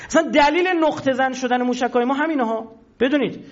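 A man's voice: very high voice, muffled recording. A man who is a university professor, giving a public talk and telling stories animatedly, addressing his listeners fondly. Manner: animated, storytelling, addresses listeners as dear ones.

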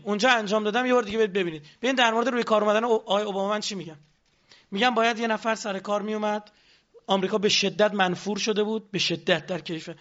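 A man's voice: sits high, pushed and bright, muffled recording. A man giving a lecture on politics, addressing the audience with rhetorical questions.

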